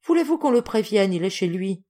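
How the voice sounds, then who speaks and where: A woman reading aloud as a calm, kindly gentleman with a gentle, reassuring manner. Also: high voice, fairly quick.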